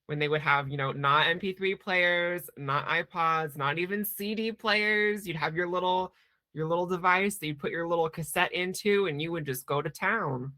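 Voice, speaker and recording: Bright, enthusiastic man gushing about games. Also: on the high side, moderate pace. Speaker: panelist. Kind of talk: casual chat.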